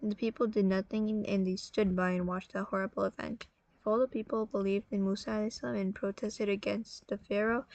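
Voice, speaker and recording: Tired woman narrating with a gravelly edge. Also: medium pitch, a little mellow, dry recording. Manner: halting, self-correcting, apologetic. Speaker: storyteller. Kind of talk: casual religious story narration.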